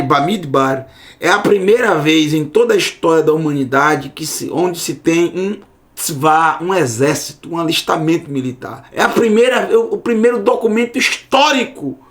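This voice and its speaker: A man's voice: high voice, a bit bright. A man giving a casual online Hebrew lesson, repeating words to drill their sound. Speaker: Hebrew teacher.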